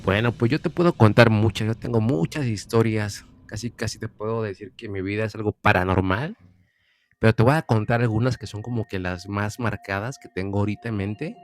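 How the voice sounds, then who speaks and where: A man's voice: lowish voice, a little fast. A man from Mexico with a Mexican Spanish accent, a guest telling a personal story in a chatty way, often repeating phrases as he recalls. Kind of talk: casual storytelling.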